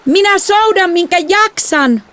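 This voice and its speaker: A woman voicing a hot-tempered teenager in an audiobook, yelling impatiently. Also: mid-range voice, huge pitch swings, voice pushed up. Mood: shouting.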